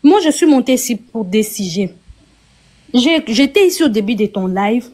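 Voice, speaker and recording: A woman's voice: on the high side, animated, moderate pace, a little mellow. Shaky-voiced woman from Kinshasa. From DR Congo, Kinshasa. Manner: shaky, emotional, apologetic, insistent. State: trembling voice. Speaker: guest speaker on a live stream. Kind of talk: emotional live-stream debate.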